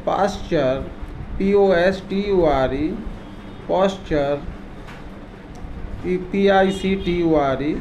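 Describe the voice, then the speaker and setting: Man, Indian accent, pronunciation teacher, very slow dictation, higher voice, faint background hiss. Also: darkish tone, rough recording. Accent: Indian English. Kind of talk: spelling out words letter by letter, then pronouncing them.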